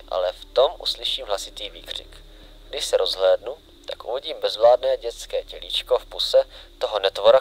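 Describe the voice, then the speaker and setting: A man doing a loud, snide psychopathic guard. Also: on the low side, natural voice, poor audio. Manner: growling, snide, loud in the diary. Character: unhinged adult male night guard, psychopathic.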